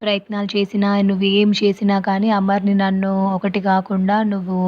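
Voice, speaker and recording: A woman's voice: medium pitch, monotone, fairly quick, dull audio, natural voice. A woman reading out the lines of a spiteful, scheming villainous woman in her own plain voice. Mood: taunting.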